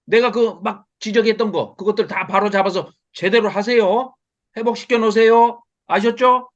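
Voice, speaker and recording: A man's voice: high voice, steady tone, normal speed, dull audio, voice pushed up, lightly acted. A man voicing an indignant male prophet who lectures and scolds God in a demanding tone. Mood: indignant scolding.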